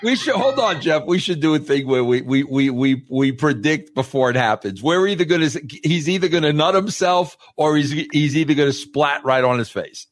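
Animated man telling stories, dry sound. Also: fairly high pitch, a little fast, hardly any pauses, no room sound. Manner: animated storytelling, says "bro" often. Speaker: podcast host. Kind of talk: casual excited chat.

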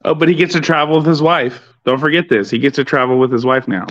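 A man's voice: medium pitch, fast talker, fairly bright tone, no echo, dull audio. A man co-hosting a wrestling podcast over an online call, speaking with dry sarcasm in short remarks. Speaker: podcast co-host. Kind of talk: casual chat.

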